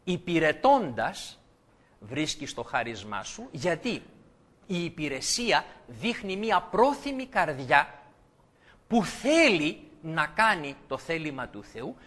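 A man's voice: fairly high pitch, very animated, a bit bright. A man preaching a sermon, explaining scripture and asking his listeners rhetorical questions.

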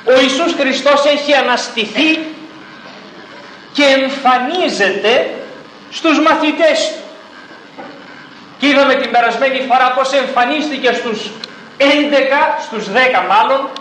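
A man's voice: extremely high pitch, long pauses, fairly bright tone, echoey room, slight background noise, low-quality recording. A man preaching a sermon, reading scripture aloud and putting rhetorical questions directly to his congregation.

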